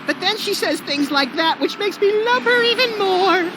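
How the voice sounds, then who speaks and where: A man's voice: extremely high pitch, expressive, normal speed, background noise. A man voicing a small, gleefully tactless, snide rabbit sidekick in a cartoon video game. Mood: flippant. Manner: flippant, snide.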